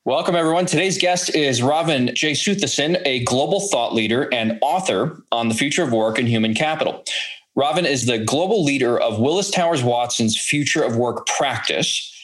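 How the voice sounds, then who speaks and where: A man's voice: medium pitch, normal speed, a bit bright. A man co-hosting a podcast, who reads the upbeat introductions and asks the opening question. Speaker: podcast co-host. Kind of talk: scripted podcast intro and interviewing.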